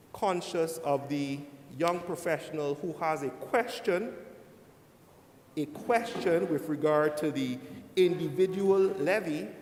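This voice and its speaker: A man giving a formal speech as a senator, deliberately addressing the chair and often saying "sir". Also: darkish tone. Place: large indoor legislative chamber. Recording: echoey hall, rumbling background noise.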